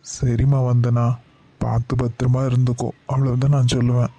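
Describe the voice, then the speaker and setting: Woman doing a gentle old cartoon grandpa. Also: extremely low pitch, flat delivery, brisk, husky, heavily acted. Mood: kindly. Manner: soft, patient and fatherly.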